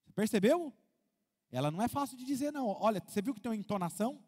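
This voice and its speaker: High-voiced Brazilian pastor preaching in a hall. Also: male voice, very fast. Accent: Brazilian Portuguese. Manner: lively, asks the congregation questions, acts out quotes. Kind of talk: animated sermon. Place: large church hall. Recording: long hall reverb.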